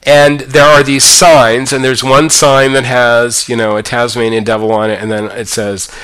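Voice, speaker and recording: A man with a bright, clear timbre sits at the mic of a chat podcast and spins a long story. He sounds amused throughout, wanders through lots of fillers and restarts, and keeps his pitch at an ordinary middle level. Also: level tone, normal speed. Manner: amused, rambling with many fillers. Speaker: podcast co-host. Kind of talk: casual anecdote telling.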